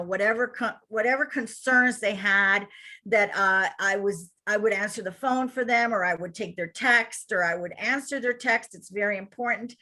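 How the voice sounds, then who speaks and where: A Cuban woman with a mid-range voice and a Cuban accent directs a childcare center. She gives an energetic webinar presentation to attendees over a video call.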